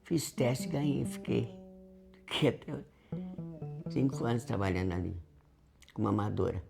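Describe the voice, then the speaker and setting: Casting woman, low gravelly voice, halting reminiscence in an interview, music underneath. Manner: halting, restarts often.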